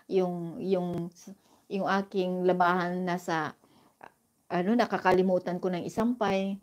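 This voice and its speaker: A woman's voice: on the low side, level tone, measured pace, darkish tone. A woman from the Philippines chatting casually on a live stream, greeting viewers by name and giving sisterly, encouraging advice.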